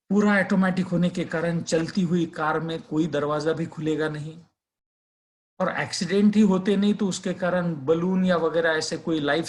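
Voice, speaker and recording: A male teacher telling a suspenseful story, then earnestly urging students to revise. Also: fairly high pitch. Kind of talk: storytelling and motivational advice to students.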